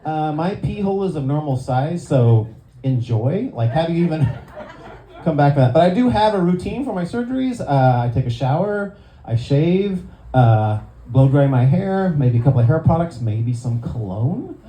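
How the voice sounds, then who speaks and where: Older man doing stand-up, mellow voice. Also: fairly high pitch, moderate pace. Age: 60s. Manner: self-deprecating punchlines, lively put-on voices for friends. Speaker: stand-up comedian. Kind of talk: stand-up set. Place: club stage before a live audience. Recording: echoey room, faint crowd ambience.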